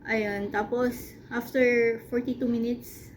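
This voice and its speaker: A woman vlogger chatting casually on her own, rambling softly with many fillers. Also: a little high, little pitch movement, slow. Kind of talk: casual vlog chat. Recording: clear background noise around the voice.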